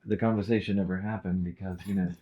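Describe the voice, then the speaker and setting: A man's voice: low voice, quick pace, husky, lo-fi sound. A man co-hosting a podcast, telling stories animatedly in a casual chat, swearing freely and acting out what people said. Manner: animated storyteller, swears freely, acts out quotes. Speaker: podcast co-host.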